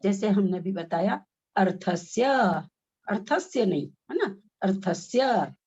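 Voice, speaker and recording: A woman's voice: mid-range voice, lively intonation, a little slow, dark tone, breathy edge. A woman teaching a class on a video call, coaching the group through careful, syllable-by-syllable recitation. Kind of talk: online recitation lesson. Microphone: phone on a video call. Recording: dull lo-fi video call audio.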